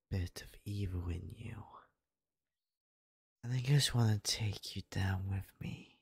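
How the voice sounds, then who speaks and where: A man playing a possessive, lovestruck devil prince in an ASMR role-play, with a breathy demonic soft voice, coaxing and menacing. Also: low voice, dry recording, studio quality, exaggerated voice. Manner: slow, intimate demonic soft voice, coaxing with veiled threats. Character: possessive young male devil prince, obsessively in love, menacing.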